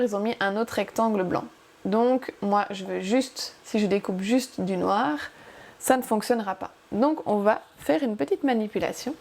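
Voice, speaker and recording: A woman's voice: medium pitch, vocal fry. A woman hosting a casual crafting tutorial, chatty and upbeat as she guides viewers step by step. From France.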